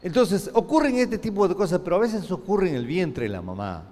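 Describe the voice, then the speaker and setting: Lively pastor in an echoing hall. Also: male voice, high voice, a little fast. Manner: storytelling, acting out quoted voices, many restarts. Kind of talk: sermon.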